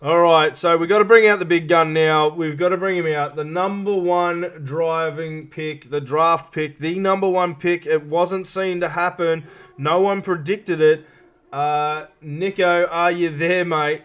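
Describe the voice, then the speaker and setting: A man's voice: fairly high pitch, steady tone, measured pace, a bit bright, smooth. A man hosting a casual live interview show, matey and informal, feeling his way through questions.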